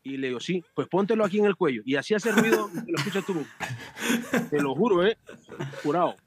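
A man chatting as a podcast guest, telling animated stories, joking and swearing freely over a remote call. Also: high-pitched, quick pace, crowd noise. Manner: animated storyteller, swears, jokes. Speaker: podcast guest, amateur cyclist. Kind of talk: casual chat.

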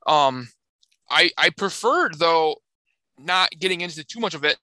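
A young man with a very bright, forceful voice talks loosely on a podcast, joking and swearing casually. His voice sits a little high and is recorded dry and close. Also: lively intonation, unhurried, no room sound. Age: young adult. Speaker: podcast co-host. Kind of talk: casual chat.

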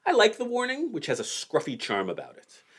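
A man's voice: high-pitched, wildly swooping pitch, fairly quick, a bit bright, husky. A man in his forties hosting a podcast, telling a band's history in a wry, joking way. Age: 40s. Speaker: podcast host. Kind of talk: casual podcast chat.

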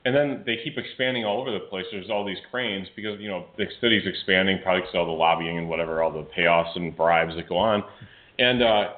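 A man's voice: low voice, fast. A man co-hosting a sports talk show, nasal with a cold, rambling with many fillers. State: has a cold. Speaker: co-host. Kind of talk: casual sports radio talk. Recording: tinny phone-like audio.

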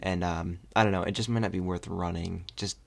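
A young man hosts a podcast in a loose, rambling chat, hesitating and reaching for fillers as he talks. His voice sits low and carries a gravelly, creaky edge. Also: fairly even intonation, fairly quick. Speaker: podcast host. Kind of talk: casual chat.

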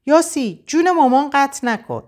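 A woman voicing a lively, teasing young woman friend on the phone in an audiobook. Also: mid-range voice, pitched above the performer's own voice, natural voice.

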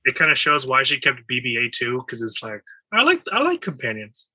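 A young man co-hosting a casual film chat, animated and quick to laugh, swearing now and then. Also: medium pitch, slightly rough, dry recording, rough recording. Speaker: podcast co-host.

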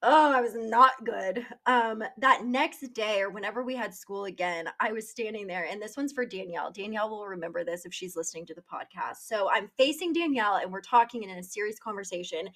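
A woman's voice: mid-range voice, fairly quick, hardly any pauses, a bit bright. A woman hosting a podcast, telling a personal story in a casual, candid way, swearing freely with plenty of fillers. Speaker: podcast host.

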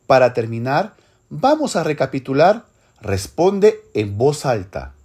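A teacher narrating a scripted language lesson, speaking slowly and clearly. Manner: slow, clear instructional delivery with lively pitch.

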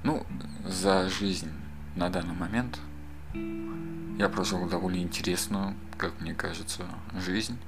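A man's voice: deep voice, fairly even intonation, unhurried. A man in his thirties in a casual, rambling monologue, talking straight to the listener and drifting off on side thoughts. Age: 30s. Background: loud acoustic guitar music.

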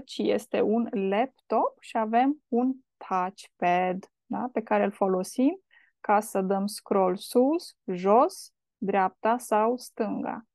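A woman hosting a podcast and teaching vocabulary in a relaxed way, explaining step by step and often checking in with a quick "da?". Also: medium pitch, vocal fry, no room sound. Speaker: language teacher and podcast host. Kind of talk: casual vocabulary lesson.

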